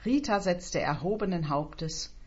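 Female storyteller, slow and breathy, lively low voice, muffled recording. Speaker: narrator. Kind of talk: reading a short story aloud.

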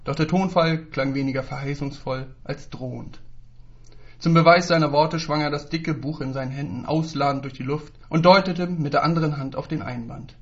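A man narrating a story in measured storytelling style. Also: on the high side, steady tone. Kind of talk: scripted narration. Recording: dull lo-fi recording.

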